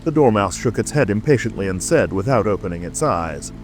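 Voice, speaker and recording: A man's voice: fairly low pitch, expressive, brisk. A man reading scripted story narration as an audiobook narrator. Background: music.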